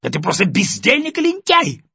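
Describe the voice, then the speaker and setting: A man reading an audiobook, voicing an anxious, angry young mother who bursts out in shrill reproach. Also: wildly swooping pitch, moderate pace, creaky, sharp tone, husky, no room sound, highs cut off, full character voice. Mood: furious.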